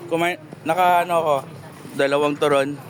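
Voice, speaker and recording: A man's voice: fairly high pitch, steady tone, a little fast. A man casually vlogging outdoors, joking and laughing often as he chats. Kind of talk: casual vlog chat. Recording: echoey, loud outdoor noise.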